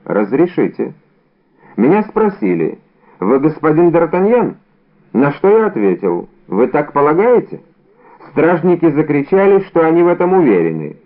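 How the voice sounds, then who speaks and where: A cool, ironic musketeer answers with dry mockery, as a male audiobook reader plays him. His pitch moves freely. The sound is narrow and tinny, like a phone line. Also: moderate pace. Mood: calm ironic. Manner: calm, dry, mocking. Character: calm, ironic male musketeer around thirty. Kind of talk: audiobook character reading.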